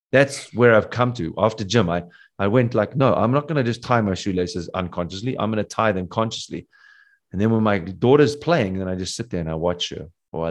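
A man in his forties hosting a podcast, talking earnestly and philosophically about parenting and being present. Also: fairly low pitch. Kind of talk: reflective casual chat.

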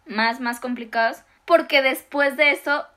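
A young woman with a Mexican accent, casually retelling Bible stories with slangy, animated asides in a faith discussion. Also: sits high, a little slow.

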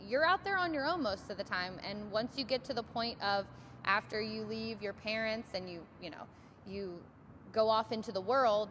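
A woman's voice: medium pitch, a bit bright. A young woman in her twenties talks casually as a tennis coach, scattering ums and you-knows through her answers. Her voice sits in a middle register, with faint noise behind it. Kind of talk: interview answers.

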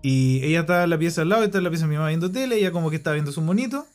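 Chilean man, animated storyteller, slangy, high-pitched. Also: very fast, soft background music. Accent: Chilean Spanish. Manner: animated, slangy, acts out voices in quotes. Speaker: podcast co-host. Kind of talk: casual storytelling.

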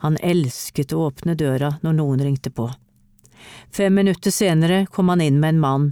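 A woman reading a children's storybook aloud in a clear, steady way. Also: deep voice, no echo, clean studio sound. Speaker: narrator.

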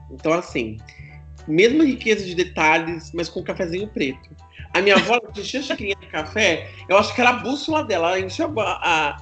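Woman co-host, animated storyteller, wide pitch, mimics family voices, soft music bed. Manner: animated, acts out family members in quoted voices. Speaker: podcast co-host. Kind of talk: casual storytelling chat.

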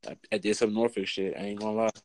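A man's voice: on the low side, fairly even intonation, rapid-fire, darkish tone, a little hiss or hum, low-quality recording. Slangy American man hosting a casual chat. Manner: informal, profane, storytelling among friends. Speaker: podcast host.

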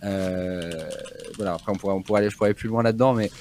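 A man's voice: fairly low pitch, fairly even intonation, racing, darkish tone, a little hiss or hum. A man giving casual analysis as a guest, thinking aloud hesitantly and building his point step by step. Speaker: guest commentator.

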